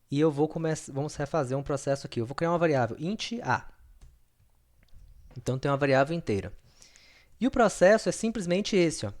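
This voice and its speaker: A man's medium-pitched, slightly mellow voice leads a recorded screen-share coding lesson. He's patient and repetitive, frequently pausing to check on his students.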